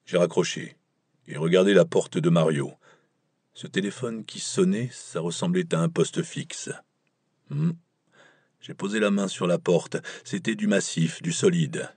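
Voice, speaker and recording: A man narrating an audiobook in the first person, measured and wry. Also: deep voice, a little mellow, slightly rough, no echo.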